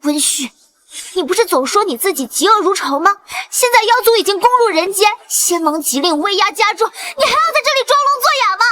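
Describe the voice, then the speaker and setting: Brief: a defiant daughter, very high bright voice, scornful and sharp. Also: female voice, lively intonation, brisk, heavily acted. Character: defiant young immortal-sect daughter, fierce, accusing. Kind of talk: dubbed costume drama acting.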